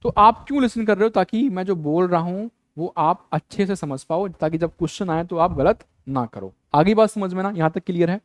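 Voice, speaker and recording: A man runs an exam-prep lecture in a fairly high voice, heard dry and close with no room sound. He keeps repeating the key terms and throws rhetorical questions at his students. He casually mixes English words into his teaching. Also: a little fast, hardly any pauses, dry recording.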